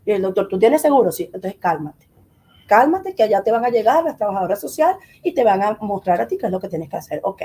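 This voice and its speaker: A middle-aged woman, a guest in an interview telling a personal story with lively acted-out dialogue. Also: mid-range voice, fast talker, husky. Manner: animated, acts out quoted dialogue.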